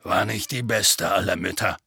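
A hulking, gruff male half-giant, as an audiobook reader puts him on, rumbling deep and low. He grumbles slowly and wearily, his voice husky and a little dark. It sounds dry and close. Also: dry recording, heavily acted. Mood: weary, gloomy. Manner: slow, low, weary grumbling. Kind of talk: audiobook character voice.

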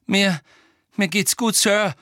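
A man's voice: mid-range voice, moderate pace, fairly bright tone, slightly rough, no echo, studio quality. A male audiobook narrator voicing a frightened teenage boy wizard who stammers and pants out urgent words. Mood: stammering. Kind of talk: audiobook character voice.

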